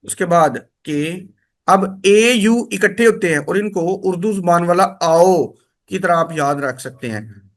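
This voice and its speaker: A man, teaching a spoken lesson and repeating words slowly to drill each sound. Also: a little high. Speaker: language teacher.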